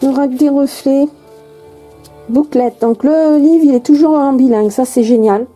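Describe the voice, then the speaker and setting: French woman card vlogger, dark mellow higher voice, halting casual chat, soft music behind. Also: rough recording. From France. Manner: hesitant, many fillers and restarts. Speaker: tarot and oracle card vlogger.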